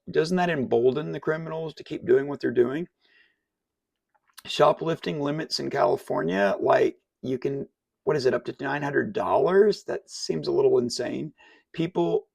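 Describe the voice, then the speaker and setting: A man's voice: medium pitch, vocal fry, breathy edge, no room sound. A man hosting a satirical mock interview, questioning in an indignant, exasperated way.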